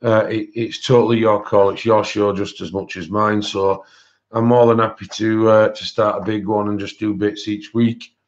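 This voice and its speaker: Showing colouring books on his art livestream, a man chats casually at a desk with an overhead camera trained on his hands. He says w for r because he can't pronounce his R's properly. His voice is fairly low and level at a moderate pace, captured with dull, lo-fi sound.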